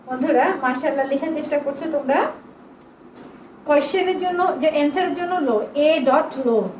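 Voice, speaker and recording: High-voiced woman teaching in an echoey room. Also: darkish tone. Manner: slow, stretched demonstration of English sentences. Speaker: English teacher. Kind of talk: online class for children. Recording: echoey room, faint background noise.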